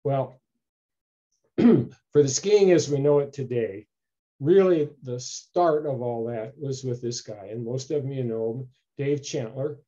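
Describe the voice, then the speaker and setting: A man's voice: mid-range voice, slow. Older man telling stories over video call. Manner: relaxed storytelling, clears throat often. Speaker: local history speaker. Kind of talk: informal slide-show talk. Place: home room with bookshelves. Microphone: video call webcam. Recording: dull lo-fi video call audio.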